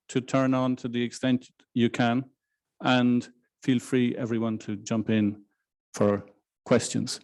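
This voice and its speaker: A man delivering a university law lecture in a measured, halting way. He often restarts his phrases and fills the pauses with ums. His voice sits at an ordinary middle pitch. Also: gravelly, a little mellow. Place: lecture room in Brussels, hybrid with online audience.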